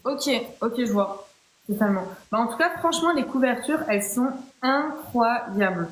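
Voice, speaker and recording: A woman's voice: fairly high pitch, lively intonation, normal speed. Chatty woman host in an echoey room. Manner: chatty, playful, many fillers and restarts. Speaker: live stream host. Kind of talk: casual chat. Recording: roomy echo.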